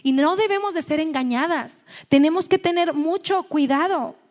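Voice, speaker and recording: A Mexican woman preaches to a women's gathering in a high voice, chatty and storytelling, often restarting her words. Her voice carries a long hall reverb. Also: moderate pace, a little mellow. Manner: conversational, storytelling, self-correcting. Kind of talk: sermon at a women's meeting.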